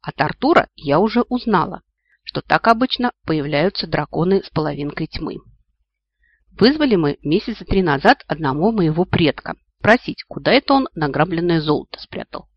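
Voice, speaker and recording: A man's voice: fairly high pitch, lively intonation, normal speed, no room sound. A man reading a first-person fantasy audiobook with wry, ironic asides. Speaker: audiobook narrator. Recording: dull lo-fi, dry.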